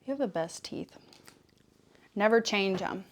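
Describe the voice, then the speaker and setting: A woman with a mid-range voice and lively intonation chats unhurriedly in an ASMR video while brushing her cat, which purrs in the background. She's a vlogger who rambles playfully and drifts into affectionate talk with her pet.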